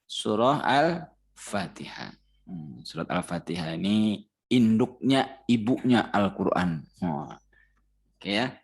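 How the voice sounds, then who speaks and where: A man's voice: fairly low pitch, animated, takes it slowly, gravelly, pauses often, husky. A man with a Banjar Indonesian accent teaching a Ramadan Quran recitation class. He patiently chants verses as examples and quizzes his students.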